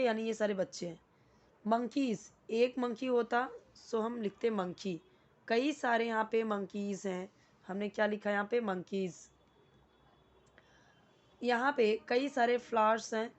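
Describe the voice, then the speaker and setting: A woman teaching English vocabulary. She explains each word patiently, repeats it with its meaning, and asks and answers her own questions. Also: fairly high pitch. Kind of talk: explaining English words in Hindi.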